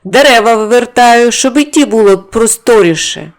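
A woman's voice: on the high side, expressive, normal speed. A woman voicing a strong male giant from a folk tale who tears up oaks, speaking in a matter-of-fact way.

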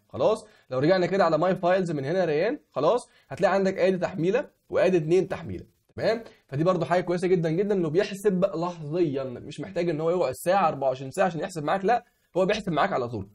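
A young Egyptian man with an Egyptian Arabic accent walks through a website in a screen-recorded tutorial, his high, darkish voice hoarse from a cold. As an online tutorial host, he keeps checking in with the viewer by asking "okay?".

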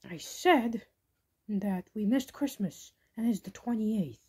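A young man doing a squeaky cheeky fox kid. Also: lively intonation, slow pace, warm tone, slightly rough, heavily acted. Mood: sassy. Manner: high squeaky put-on voice, sassy. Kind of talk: homemade comedy voice acting.

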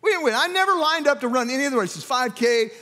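A man's voice: very high-pitched, lively intonation, fast talker, pushed and bright. A man preaching as a pastor, telling a folksy story full of asides. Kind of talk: sermon. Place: large church hall. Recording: long reverb of a church hall.

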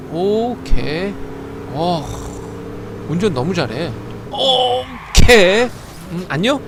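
Animated, stammering man streaming a game. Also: sits high, background noise. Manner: playful, chatty, swings into loud flustered outbursts; stammers and repeats words. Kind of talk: live game commentary with chat.

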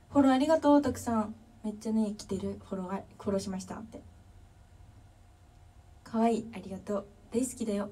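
A woman's voice: a little high, dark tone, recorded from a distance, a little hiss or hum. A young woman with a Kansai accent chatting casually on a livestream, reading viewer comments and thanking fans one by one. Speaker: drummer livestreamer.

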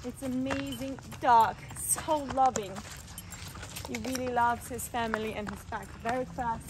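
A middle-aged woman who owns a dog and vlogs gives dog advice out on a wooded hiking trail, speaking earnestly with non-native phrasing. Her voice sits on the high side, steady in tone and a little slow. Someone else holds the camera a few steps away, and the handheld outdoor audio is noisy.

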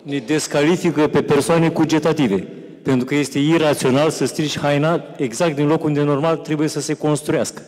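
A man in the audience asking a question at a lecture in a formal, measured way. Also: on the high side, steady tone, darkish tone. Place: lecture hall. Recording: long reverb of a lecture hall.

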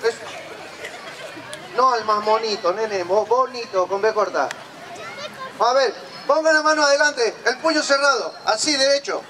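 A man's voice: extremely high pitch, unhurried, long pauses, pushed and bright. A man with a Rioplatense Argentine accent, a puppeteer teaching a workshop and joking playfully with children. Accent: Rioplatense Argentine Spanish. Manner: playful, teasing banter with children. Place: outdoor town square. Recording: outdoor crowd and street noise.

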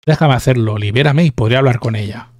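Persistent young game hero, read plainly by a man, earnest and calm. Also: medium pitch, quick pace, no echo, lightly acted. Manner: earnest, pleading.

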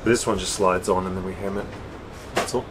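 Deep-voiced and steady, a man in his fifties talks fairly quickly as he walks viewers through a boat repair, hands busy on the outdoor deck of his anchored sailboat. The camera mic catches wind and the surrounding noise.

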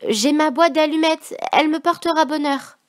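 A woman's voice: normal speed, dry recording, clean studio sound, natural voice. A woman doing a chirpy bossy little girl. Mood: excited. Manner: high chirpy child voice.

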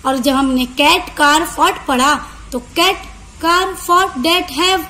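A woman teacher, explaining a lesson to students. She reads definitions slowly, then explains them in quick, long runs. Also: very high-pitched, sharp tone. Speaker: online tutor. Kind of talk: lecture for university students.

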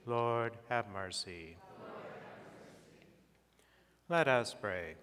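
Man's slow prayer in cathedral echo. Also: fairly low pitch, lively intonation, a bit bright. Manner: slow, measured, solemn recitation. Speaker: priest presiding at Mass. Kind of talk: reciting liturgical prayers. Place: church. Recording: long echoing church reverb.

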